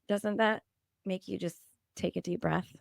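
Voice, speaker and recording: A woman in her late thirties co-hosting a podcast in lively casual chat, laughing often, her voice a little strained. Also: mid-range voice, unhurried, gravelly, no room sound, clean studio sound. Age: 30s. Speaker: podcast co-host.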